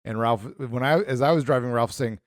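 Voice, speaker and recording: A middle-aged podcast co-host with a mid-range voice speaks fairly quickly in casual chat. He tells rambling stories, animatedly acting out the people in them. The recording is clean studio sound with no room echo.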